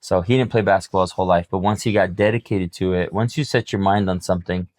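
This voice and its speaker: A man's voice: low voice, steady tone, fast, a little mellow, no room sound, clean studio sound. A middle-aged man co-hosting a podcast, talking reflectively and motivationally in casual chat. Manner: reflective, motivational, uses sports examples. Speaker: podcast co-host.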